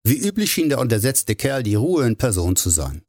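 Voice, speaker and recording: A man narrating a novel in a measured storytelling way. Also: mid-range voice, big pitch swings, a little mellow, no room sound, clean studio sound. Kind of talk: audiobook narration.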